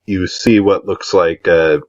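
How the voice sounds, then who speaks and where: A young man running a tabletop game as game master, halting and clearing his throat often. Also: sits low, fairly even intonation, no echo, lo-fi sound.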